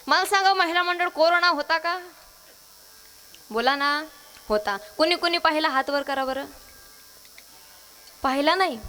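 A woman's voice: sits high, sharp tone. A woman kirtankar from Maharashtra, giving a devotional sermon to a women's gathering, quizzing the crowd and singing verses. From Maharashtra, India. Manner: call-and-response, quizzing the audience, sings verses. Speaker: kirtankar preacher.

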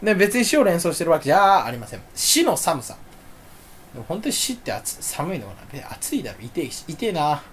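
A man talking to himself in a rambling solo monologue. He is self-mocking and erratic, swinging from loud outbursts to low mutters. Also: wildly swooping pitch, brisk, a little hiss or hum. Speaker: solo talk channel host.

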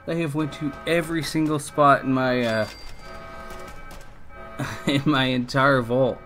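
A man giving casual let's-play commentary, chatting to his game characters and breaking into excited outbursts. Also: medium pitch, measured pace. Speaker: gameplay streamer. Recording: faint game music behind.

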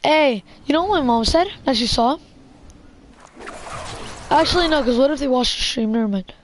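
Excitable high-voiced young woman gaming. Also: normal speed, slight background noise. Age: 20s. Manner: excitable, rambling, heavy on "like" fillers. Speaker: gamer streaming. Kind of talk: casual gameplay chatter.

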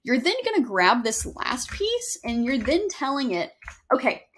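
A young woman giving a casual screen-share software tutorial, chatty and self-correcting as she walks through each step. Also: sits high, big pitch swings, measured pace, a little hiss or hum. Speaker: email marketing instructor. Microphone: webcam overlay on screen recording.

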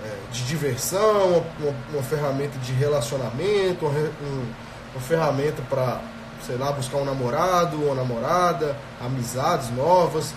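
A medium-pitched man in his thirties talks at normal speed during a live stream where he works as a productivity coach, with a Brazilian Portuguese accent and a cold. He's energetic and direct with viewers, dropping frequent "tá?" checks. Captured from a distance on a phone's earphone headset mic, the small indoor room sounds echoey, with a noisy background.

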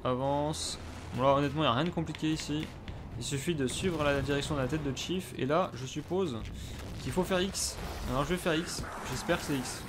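A man's voice: on the high side, brisk, noisy background. A man commenting live on his own gameplay in a casual, hesitant way, swearing and breaking into sudden exclamations. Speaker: gamer playing and commenting.

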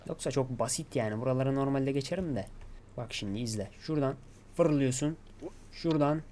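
A man giving gameplay commentary, talking to himself and coaxing himself to stay calm. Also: mid-range voice, brisk, slight background noise. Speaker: gaming YouTuber.

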